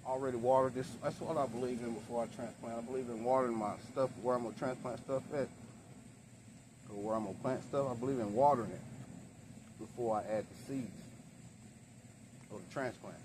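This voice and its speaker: In a backyard with noisy surroundings and a traffic-like rumble, a middle-aged gardening vlogger casually walks through some gardening supplies. His delivery is plain, a little fast, and fairly level in intonation, broken by frequent pauses.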